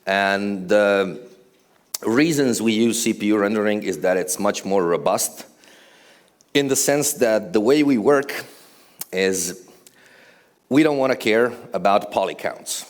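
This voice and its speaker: A man's voice: fairly low pitch, a little slow, pauses often. A man from Croatia, giving a casual, conversational conference presentation with fillers and dry humor on stage before a large audience. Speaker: conference speaker, architectural visualization studio co-owner.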